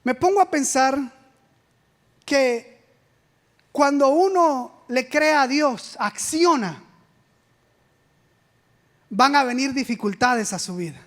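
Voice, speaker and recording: A woman preacher giving an animated sermon, putting rhetorical questions to the congregation and acting out the quoted speech. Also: sits high, slow pace, long pauses. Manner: acts out quoted speech in a dramatic way. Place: church sanctuary. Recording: long church reverb.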